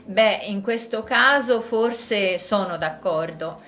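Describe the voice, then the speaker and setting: A woman speaking in a clear, measured way in a scripted dialogue for language learners. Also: medium pitch, a bit bright. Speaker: dialogue partner in a language lesson.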